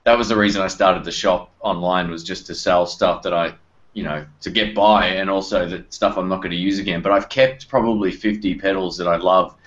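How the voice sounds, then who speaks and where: A low-pitched man hosts a casual live chat. He talks informally over an online video call, and the audio is a bit dull and lo-fi. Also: steady tone, brisk, fairly bright tone. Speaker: host of a live guitar-pedal video chat.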